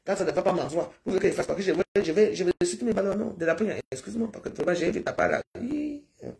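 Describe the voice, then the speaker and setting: A woman's voice: on the low side, racing, gravelly, darkish tone. A middle-aged woman from Cameroon, talking in a rambling, pleading live-stream monologue that repeats itself.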